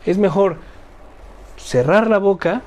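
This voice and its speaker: An earnest Bible study teacher reads scripture and explains it to a small group. The speaker often repeats key phrases and tags points with rhetorical questions, at an even, moderate pitch. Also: takes it slowly.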